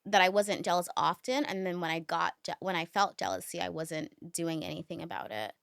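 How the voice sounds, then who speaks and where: A woman's voice: lowish voice, a little fast, vocal fry, smooth, no echo, clean studio sound. A woman co-hosting a casual podcast, telling stories with lots of "like" and "um" and acting out the lines she quotes. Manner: animated storytelling, acts out quoted lines; filler-heavy, laughs often. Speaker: podcast co-host.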